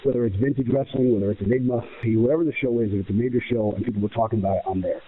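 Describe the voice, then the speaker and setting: A man's voice: mid-range voice, fairly even intonation, racing. An American man, a professional wrestler giving interview answers in an emphatic, self-assured way, repeating phrases in runs. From United States. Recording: muffled, narrow phone-like radio sound.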